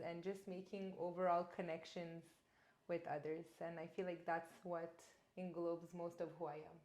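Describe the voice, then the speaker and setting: A young woman from Canada, a guest in an interview, talking in an earnest, reflective way about her travels. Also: lowish voice. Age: young adult. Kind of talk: casual interview conversation. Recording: roomy echo.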